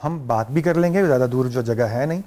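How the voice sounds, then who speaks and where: A mellow, mid-range male voice belongs to a guest actor on a talk show who speaks with a Pakistani Urdu accent. He tells chatty anecdotes in a relaxed storytelling style, sprinkling in English and Arabic phrases.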